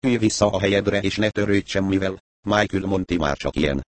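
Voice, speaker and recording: A man's voice: low voice, dry recording, natural voice. A man reading the part of a meek, placating red-haired woman in an audiobook, his voice lifted. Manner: sighing, placating.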